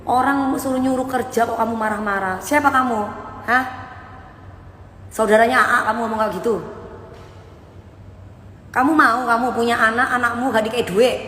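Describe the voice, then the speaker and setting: A woman's voice: fairly high pitch, steady tone, normal speed, pauses often, a bit bright, roomy sound, long reverb tail, a little hiss or hum. A woman, hosting a casual live stream and bluntly scolding viewers as she answers their comments. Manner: blunt, scolding, mixes Javanese into Indonesian.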